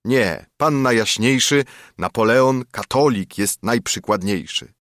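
A man's voice: medium pitch, measured pace, a bit bright, no echo, studio quality, close to an everyday voice. A man voicing an old Bernardine friar who speaks with hearty, oratorical persuasion. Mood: preaching.

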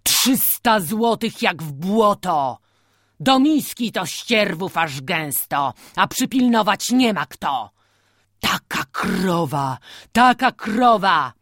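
A woman reading aloud voices an old, quick-tempered village farmer who scolds in rough country dialect. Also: medium pitch, lively intonation, no room sound, clean studio sound, voice pushed up, natural voice. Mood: angry. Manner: angry scolding peasant dialect.

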